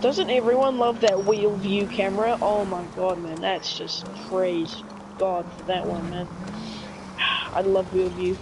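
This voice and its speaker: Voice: medium pitch, fairly even intonation, unhurried, noisy background. A friend with a nasal voice, joking sarcastically during a casual game session on voice chat.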